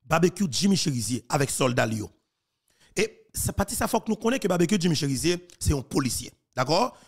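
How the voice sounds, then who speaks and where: A man's voice: a little high, very animated, a little fast, gravelly, breathy edge. A man in his thirties with a Haitian accent, giving earnest commentary into a studio mic in a small room. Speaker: news commentator. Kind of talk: commentary on a played clip. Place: small plain room, indoors. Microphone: studio mic on a boom, wearing headphones.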